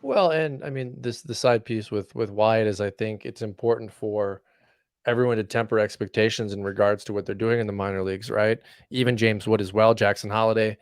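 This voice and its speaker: A man's voice: lowish voice, steady tone, fairly quick, smooth, no room sound, studio quality. A man co-hosting a casual fantasy baseball podcast, talking in a loose, rambling way with many fillers. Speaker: podcast co-host.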